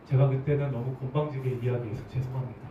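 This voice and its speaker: A man preaching a sermon as pastor, animated, putting questions to his congregation. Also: medium pitch, fast talker, background noise. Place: church hall. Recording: roomy, distant, dull church recording.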